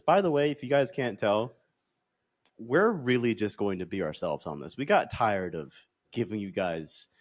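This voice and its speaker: Twenties guy cohosting a podcast, jokey and loose, lowish voice. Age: 20s. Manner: joking, loose, swears casually. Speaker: podcast co-host. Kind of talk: casual podcast chat.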